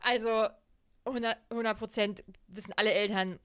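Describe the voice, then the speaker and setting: It's a casual book-discussion podcast: a young female co-host recaps a chapter in a chatty way, using frequent fillers. She speaks in a medium-pitched, smooth voice with fairly even intonation and a moderate pace.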